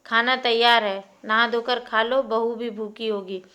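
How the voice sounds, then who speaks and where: A woman voicing an older village aunt who is proud and hurt, giving sharp, resigned retorts. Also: on the high side, fairly even intonation, measured pace. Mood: curt. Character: Panna, widowed aunt, proud and wounded.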